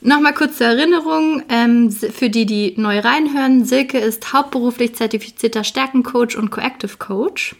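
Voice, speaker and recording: Female podcast host, slightly high, gravelly fry, upbeat interviewer. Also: normal speed, hardly any pauses. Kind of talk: casual interview chat.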